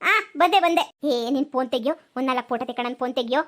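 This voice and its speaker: A woman voicing an excited young village bride new to the city, gushing and loud, in a comedy skit. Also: high-pitched, racing, close to an everyday voice.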